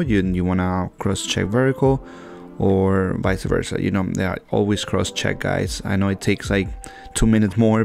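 Gravelly-voiced barber explaining a haircut. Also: male voice, low-pitched, darkish tone. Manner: casual, rambling, many fillers and restarts. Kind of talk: voice-over haircut tutorial.

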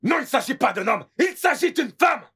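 A self-pitying husband in a dubbed film, gravelly and raspy, his pitch swooping all over as he rants. He is sarcastic, bitter and theatrical. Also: very animated, fairly quick, a bit bright, heavily acted. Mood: indignant. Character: exasperated sarcastic husband, middle-aged man.

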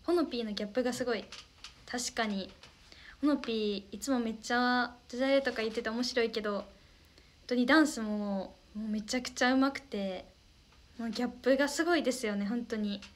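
A woman's voice: on the high side, a little fast. Bubbly young woman chatting on a livestream. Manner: bubbly and polite, thanking viewers often. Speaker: idol livestream host. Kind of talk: casual livestream chat reading viewer comments.

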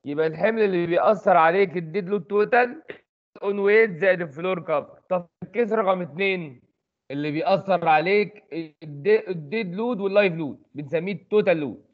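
Fast-talking Egyptian man explaining. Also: high voice, highs cut off. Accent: Egyptian Arabic. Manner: quick, chatty explaining with rhetorical questions. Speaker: engineering tutor. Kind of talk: recorded section lecture.

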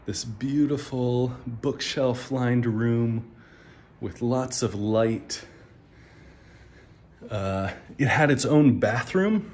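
Speaking extremely slowly with long pauses, a medium-pitched minister in his thirties leads a casual walking tour. He wanders an old stone church building, indoors and on its roof, chatting easily like a tour guide as he films on an arm's-length phone.

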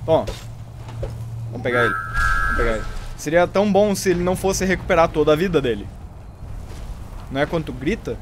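A man's voice: on the high side, lively intonation, fairly quick, pauses often, over music. A young man with a Brazilian Portuguese accent commenting live on his gameplay, swearing often and laughing as he taunts the enemy. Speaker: streamer.

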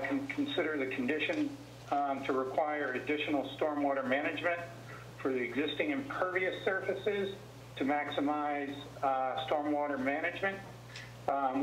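Guy on speakerphone giving public comment, slightly high voice, echoey room, noisy line, calm and polite. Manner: measured and polite, lays out requests point by point. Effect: heard over a speakerphone in the meeting room. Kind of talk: formal public comment at a town board meeting. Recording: echoey speakerphone with background noise.

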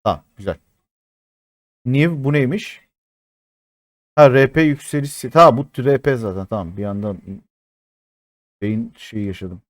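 A man in his thirties doing live-stream commentary as a mobile game streamer, excitable and chatty with his viewers, swearing often. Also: mid-range voice, a little slow, pauses often, no echo, clean studio sound. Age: 30s.

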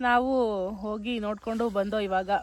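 A rapid, chatty woman talks her viewers through the day in her village vlog. Her pitch sits at an ordinary middle for a woman, and she rattles off the family's farm chores one after another. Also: fairly even intonation. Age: adult with children. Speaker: village vlogger. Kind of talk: casual vlog narration. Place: outdoors at a farm.

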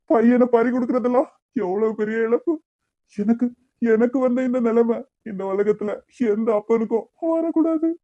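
A woman's voice: mid-range voice, dark tone, lo-fi sound, natural voice. A woman voicing a grieving old grandfather in a cartoon, with a Kanyakumari Tamil accent, sorrowful and reproachful. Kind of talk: cartoon voice acting.

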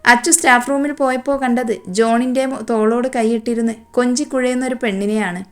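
A woman reading a romance story aloud, speaking all the characters' lines in her own voice and moving quickly between narration and dialogue. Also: a little high, fairly even intonation.

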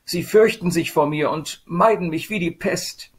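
A man's voice: fairly high pitch, measured pace, slightly rough, voice pushed up. A man voicing a small, sorrowful female spirit of sadness in a storybook reading, with a plaintive, lamenting manner.

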